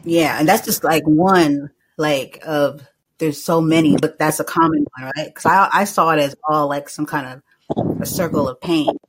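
A man's voice: on the high side, normal speed, noisy background. A young man hosting a live call-in podcast, talking loosely and rambling, with a lot of filler words and some swearing. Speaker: host.

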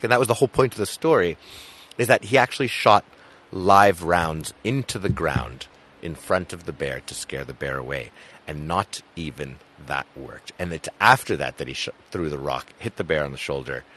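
A man hosting a podcast, telling outdoor adventure anecdotes in a casual way, with loud excited bursts and quiet trailing endings. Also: deep voice, slight background noise. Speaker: podcast host.

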